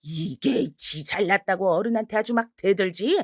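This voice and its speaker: A harsh, shameless old mother-in-law, as a woman reads her out, scolding in a slow, contemptuous drawl. Her words land completely dry and close, with no room around them. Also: medium pitch, dry recording, close to an everyday voice.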